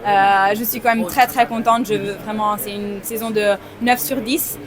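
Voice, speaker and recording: A woman's voice: mid-range voice, steady tone, normal speed. Hesitant Italian woman athlete, crowd behind. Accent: slight Italian. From Italy. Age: 20s. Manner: hesitant, searching for words. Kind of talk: post-race interview. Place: outdoors at a stadium.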